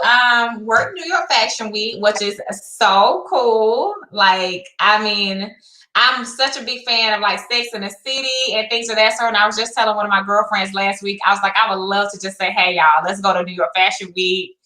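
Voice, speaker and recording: Bright, echoey woman host. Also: mid-range voice, moderate pace. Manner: chatty, curious, many likes. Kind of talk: casual live-stream interview.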